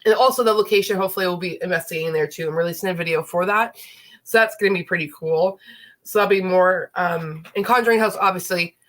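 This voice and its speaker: A woman's voice: fairly low pitch, quick pace. A woman in her late thirties hosting a casual livestream chat, sounding stuffy and congested from a lingering illness, rambling with lots of fillers. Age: 30s. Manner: chatty, rambling, with frequent fillers. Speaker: host.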